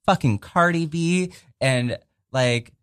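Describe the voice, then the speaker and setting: A man's voice: a little high, slow pace, a bit bright, clean tone, dry recording. A young adult man hosting a community radio show in a small studio, chatting loosely and playfully with plenty of swearing. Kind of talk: casual on-air banter.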